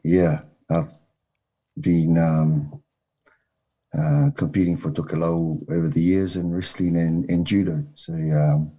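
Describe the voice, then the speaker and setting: A man from New Zealand, a wrestling coach, answering interview questions in a measured way with frequent ums and uhs. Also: deep voice, little pitch movement, warm tone.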